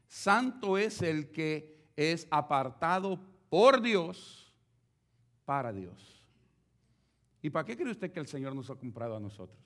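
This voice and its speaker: Male preacher; animated sermon delivery with wide pitch swings and direct questions to the flock. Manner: animated, addresses listeners directly with rhetorical questions.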